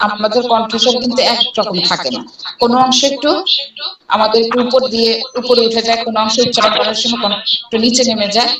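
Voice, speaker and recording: A woman with a Bangladeshi accent teaching an online English class, slowly reading out English questions. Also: fairly high pitch. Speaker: English instructor. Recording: echoey room, far from mic, people talking. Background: students chiming in.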